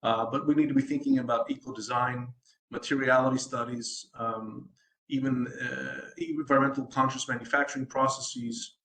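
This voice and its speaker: A man's voice: mid-range voice, fairly even intonation, moderate pace, a bit bright, reverberant, poor audio. A man from the United States, a sustainability design consultant, giving a presentation at an online event, hesitant with many ums and restarts and a habit of asking "right?".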